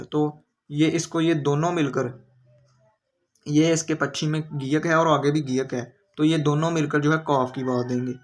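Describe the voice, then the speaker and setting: Patient man explaining in a flat voice. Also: a little high. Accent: Pakistani Urdu. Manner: patient, repeats each word slowly with its meaning. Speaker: language teacher. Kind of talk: step-by-step lesson explanation.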